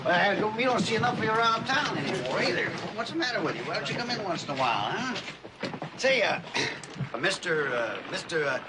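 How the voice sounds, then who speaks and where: A man's voice: high-pitched, very animated, brisk, very noisy. A man playing a fawning, over-friendly storekeeper in a TV western, folksy and ingratiating. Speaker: actor in a TV western. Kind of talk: TV western drama acting.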